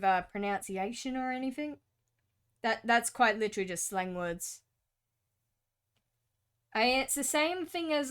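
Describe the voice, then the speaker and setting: This young Australian woman, speaking with an Australian accent, rambles casually with lots of fillers as she draws during a stream. Her voice is a little high, somewhat bright, and smooth.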